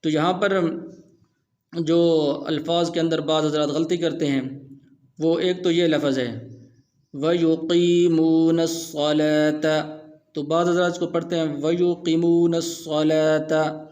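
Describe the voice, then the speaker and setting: A man teaching Quran recitation rules step by step, explaining plainly and then slowly chanting the example verses. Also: a little high, fairly even intonation, a little mellow. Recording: dull, muffled audio.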